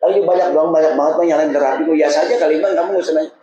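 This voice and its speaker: A man's voice: on the high side, steady tone, very fast, warm tone, lo-fi sound, slight background noise, close to an everyday voice. A man voicing a nagging, defensive young wife in a raised, whiny voice during a sermon. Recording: roomy mosque echo.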